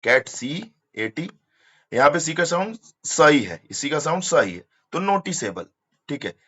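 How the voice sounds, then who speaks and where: A man's voice: a little high, sing-song, unhurried, pushed and bright, lo-fi sound. A man teaching an exam-prep English lesson, explaining step by step and spelling words out letter by letter.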